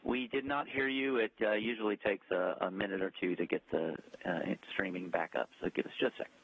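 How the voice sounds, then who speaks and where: A man at mission control speaks in brisk call-and-response over a space-to-ground radio link, like a sci-fi communicator. His voice comes through husky and dull. It sounds distant and dry. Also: fairly low pitch, fairly even intonation, no echo. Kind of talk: procedural radio check.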